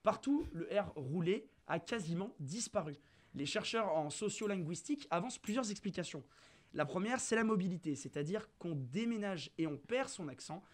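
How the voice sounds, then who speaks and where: Young male debater, formal read argument, slightly high voice. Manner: formal, addresses listeners. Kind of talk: prepared argument read on radio.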